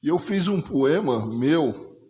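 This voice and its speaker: A man's voice: on the high side, expressive, slow, a little mellow. A man from Rio Grande do Norte with a Northeastern Brazilian accent, reciting rhymed poetry in a rhythmic, declamatory way at a conversation circle. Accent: Northeastern Brazilian, Potiguar. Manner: rhythmic, declamatory verse delivery with repetitions. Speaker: poet, guest of a conversation circle. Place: auditorium of a cultural center. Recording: long hall reverb.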